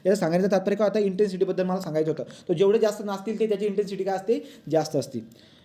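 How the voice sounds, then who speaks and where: Male teacher lecturing a class, fast and high-pitched, keeps checking understanding, mixes in English terms. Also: dark tone. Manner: asks pupils frequent check questions; mixes English textbook lines into Marathi. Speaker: physics teacher.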